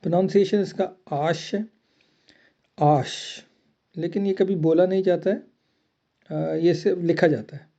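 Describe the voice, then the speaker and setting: A man teaching a lesson in a deliberate way, repeating each item twice. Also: high-pitched, fairly even intonation, vocal fry, mellow. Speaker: language teacher. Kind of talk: slow spoken lesson. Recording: slightly muffled lo-fi recording.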